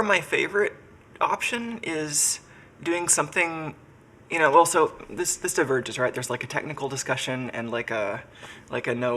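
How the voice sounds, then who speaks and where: Speaking with a bright, mid-range voice and a forceful tone, a man who is sick and congested chats on a live stream. He's in his home workshop, casually thinking aloud and leaning on lots of fillers.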